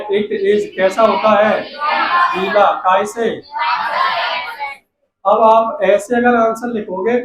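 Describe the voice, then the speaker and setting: A male teacher explaining an English lesson in Hindi. He reads the English sentences aloud and loudly, then breaks them down word by word and keeps quizzing the class. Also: high-pitched. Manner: quizzes the class with repeated questions. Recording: roomy echo, far from the mic, noisy.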